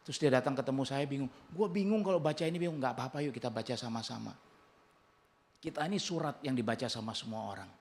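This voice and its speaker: A man's voice: medium pitch, fast. A male pastor with an Indonesian accent, preaching a sermon in a conversational, humorous way and acting out the dialogue he quotes.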